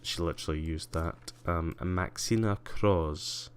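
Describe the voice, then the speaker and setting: A man's voice: sits low, measured pace, smooth. A young man chatting casually and self-mockingly while he plays a game on stream, muttering to himself and to chat. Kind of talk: casual gameplay commentary.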